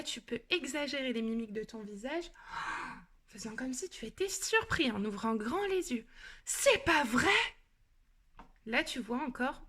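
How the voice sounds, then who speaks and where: A French woman teaching reading to young pupils, explaining calmly and speaking to the child as tu, then acting out example sentences with strong emotion. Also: on the high side. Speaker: primary school teacher.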